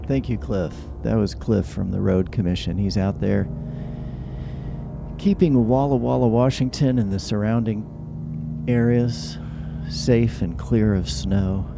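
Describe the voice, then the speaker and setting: A man's voice: lowish voice, unhurried, vocal fry. A man hosting a casual late-night live stream in a rambling, conversational way, with whistling s sounds. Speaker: host of a live-streamed call-in show. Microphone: close handheld or stand microphone. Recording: music behind the voice. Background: background music.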